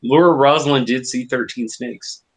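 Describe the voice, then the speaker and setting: A man's voice: mid-range voice, a little slow. A man chatting casually as a podcast panelist. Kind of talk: casual chat.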